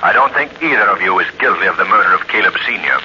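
A mysterious avenger of the old radio serials, calm, measured and menacing. His pitch moves widely for drama. The recording is dull with clear hiss behind it. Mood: commanding. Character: mysterious male crime-fighting avenger, calm and ominous. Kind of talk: 1930s radio drama acting.

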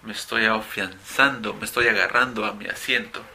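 A man teaching an English vocabulary lesson, stressing key words with sudden rises in pitch. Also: fairly even intonation, moderate pace, sharp tone, a little hiss or hum.

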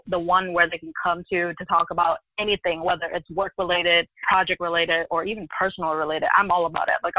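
A young woman with a bright, forceful voice chats freely as a guest on an interview show. She rambles a little and leans on "like" fillers. The sound is dry and close, with no room around it. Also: lowish voice, no room sound, low-quality recording. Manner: talkative, loose, many "like" fillers. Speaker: podcast guest. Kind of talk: casual interview chat.

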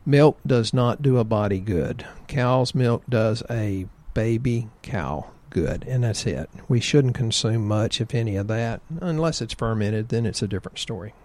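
A man's voice: on the low side, unhurried, hardly any pauses, a little mellow. A man casually talking about health in a folksy, joking, rambling way. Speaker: health practitioner co-host.

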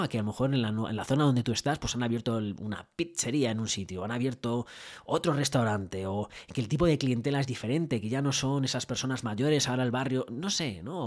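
A man with a Spain Spanish accent, giving a motivational business talk and coaching listeners through lots of rhetorical questions and tag questions. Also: medium pitch. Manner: animated storytelling with acted-out dialogue.

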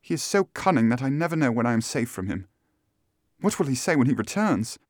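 A man voicing an earnest, anxious young gentlewoman in a detective story audiobook. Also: medium pitch, big pitch swings, fairly quick, dry recording, clean studio sound, pitched above the performer's own voice, close to an everyday voice. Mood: frightened.

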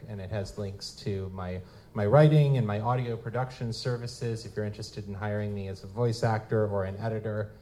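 In a convention room at a live event, a deep-voiced man with a dark tone holds a relaxed Q&A with the audience. He hosts and also writes and produces audio dramas, and background noise from the live room comes through.

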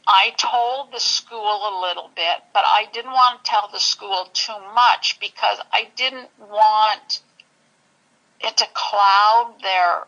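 A woman telling her personal story in an interview, halting and searching for words. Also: mid-range voice, pushed and bright, highs cut off. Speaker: interview guest.

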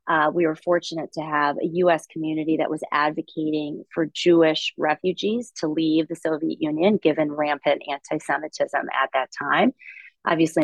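Guest, woman, middle-aged, from Latvia; articulate, upbeat storyteller, lowish voice, dry close recording. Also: vocal fry, no echo. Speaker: podcast guest, investor. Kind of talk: conversational interview.

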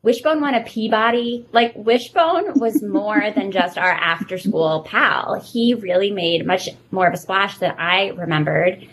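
A woman's voice: mid-range voice, measured pace, few pauses, a bit bright, rough recording. A woman in her thirties hosting a podcast, chatting and telling nostalgic stories. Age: 30s. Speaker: podcast host. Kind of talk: casual podcast chat.

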